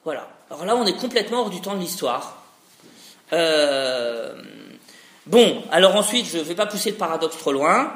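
An expressive man with a fairly high, slightly bright voice lectures at normal speed. The academic talk is rambling, peppered with restarts and "hein" tag questions, and the space sounds echoey.

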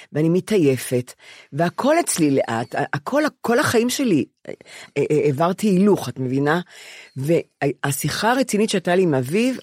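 A woman in her seventies co-hosts a podcast, talking candidly in a low voice with a darkish tone. She often stops to restart and repeat words, and the recording is echo-free with studio quality.

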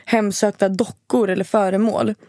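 A woman co-hosts a podcast and tells stories in an animated, chatty way. She acts out the quotes in her own voice. The sound is dry and close to the mic, with no room echo. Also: medium pitch. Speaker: podcast co-host. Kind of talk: casual chat.

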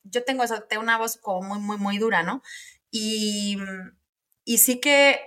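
A woman's voice: medium pitch, unhurried. A woman, a guest on an interview podcast, talking energetically and conversationally. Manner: energetic, chatty, peppers speech with "ok" and "¿no?". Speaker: podcast guest, neuropsychologist and coach.

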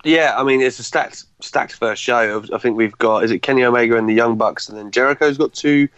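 A man's voice: medium pitch, fairly quick, a bit bright, smooth, dry recording. A man co-hosts a podcast, hedging his words and stalling with fillers. The recording is dry and a bit dull, as if made on a modest mic. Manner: hesitant, full of fillers. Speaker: podcast co-host. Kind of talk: casual podcast chat.

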